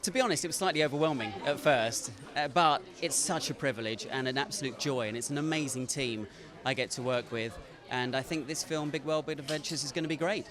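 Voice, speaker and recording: A man's voice: medium pitch, fairly quick. A man with a mid-range voice speaks earnestly and gushingly about his part. A thick crowd chatters behind him at an outdoor premiere. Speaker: interviewed voice actor. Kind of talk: red-carpet interview. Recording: busy outdoor event crowd.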